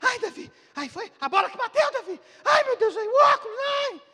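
A man's voice: very high voice, animated, moderate pace, bright, forceful tone, pitched above the performer's own voice, exaggerated voice. A man voicing a frantic, overprotective mother, wailing shrilly in panic for her son, in an echoey hall. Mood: frantic fussing.

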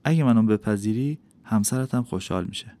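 A man reading an audiobook, voicing the gentle ghost of a young woman who speaks softly and reassuringly. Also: fairly low pitch, animated, lightly acted. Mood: soothing. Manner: soft, soothing, reassuring. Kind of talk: audiobook character voice.

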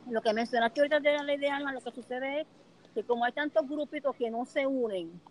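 Woman, somewhat high voice, chatty, acts out convos in her stories. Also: brisk, slight background noise, poor audio. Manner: expressive, acts out dialogue in her anecdotes. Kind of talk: casual chat.

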